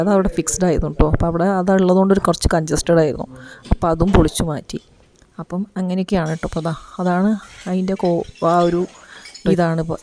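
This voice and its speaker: A woman's voice: on the low side, darkish tone. A woman giving a chatty home tour of her house under renovation, talking straight to her viewers, her throat irritated by dust. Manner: chatty, addresses viewers directly, frequent tag words. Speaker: vlogger. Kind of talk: casual home tour narration.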